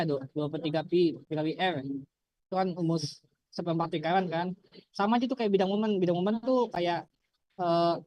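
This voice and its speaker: A man's voice: high-pitched, a little mellow, no echo, rough recording. Young Indonesian man tutoring, slurred R. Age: young adult. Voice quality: slurred R, a speech impediment on the R sound. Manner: repetitive, checking with rhetorical questions. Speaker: student tutor. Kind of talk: informal maths-heavy tutoring explanation.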